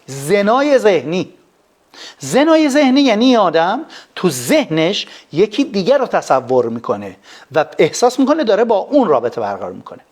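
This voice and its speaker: A man, a psychologist, giving an animated lecture on a live stream, full of rhetorical questions. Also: high voice. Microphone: phone.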